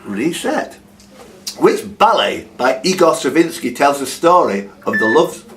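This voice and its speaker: A man's slightly high voice, very animated yet measured in pace, reads out questions at a live pub-style quiz he's hosting, with jokey ad-libbed banter in between. The recording has clear background noise from the live room.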